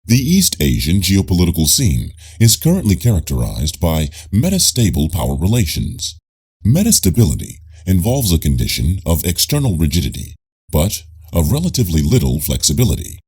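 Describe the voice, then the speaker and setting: This male narrator of a nonfiction text has a deep, husky sound and keeps a formal, steady audiobook pace. His intonation stays animated, with pitch shifting vividly within each sentence.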